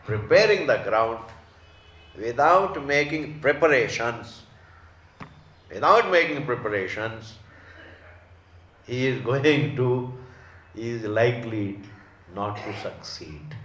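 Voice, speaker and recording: A man with an Indian accent delivers a religious discourse at a slow, deliberate pace. He teaches emphatically, restating phrases and putting rhetorical questions to listeners. The recording is echoey and a little dull, with a mid-pitched voice. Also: a bit bright, slight background noise. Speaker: spiritual teacher giving scripture discourse. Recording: echoey room, slightly dull sound.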